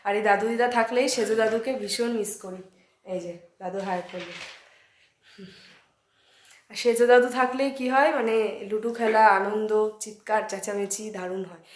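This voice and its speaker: A woman's voice: on the high side, steady tone, normal speed, long pauses. A young woman with a Bengali accent narrating her family day in a casual home vlog, talking straight to viewers on a handheld phone camera. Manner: chatty, addresses viewers directly, talks softly at times. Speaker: vlogger.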